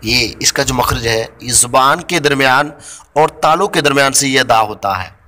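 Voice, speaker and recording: A man teaching pronunciation of Arabic letters for Quran reading. He draws out each letter sound loudly, then explains it calmly. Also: medium pitch, moderate pace. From Pakistan. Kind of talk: slow, deliberate pronunciation lesson.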